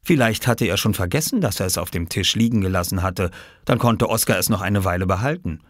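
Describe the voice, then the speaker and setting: A man narrating an audiobook in an expressive storytelling manner. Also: sits low, fairly quick, no room sound, clean studio sound.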